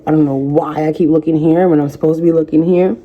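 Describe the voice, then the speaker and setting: A woman in her thirties, a vlogger, speaking softly and reflectively to camera, offering faith-based encouragement. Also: low voice, steady tone, quick pace, narrow, tinny audio. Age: 30s. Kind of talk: personal talk to camera.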